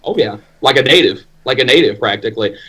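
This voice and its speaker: A man's voice: medium pitch, expressive, quick pace, a bit bright, slightly rough. A man who works as a ring announcer, talking conversationally and emphatically as an opinionated interview guest.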